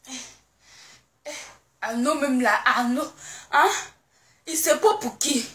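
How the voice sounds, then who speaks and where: Woman doing a fussy pregnant young wife, high voice, echoey room, fires off questions. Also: a bit bright. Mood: scolding. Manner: scolding, rapid-fire questioning. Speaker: comedian. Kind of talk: comedy sketch monologue.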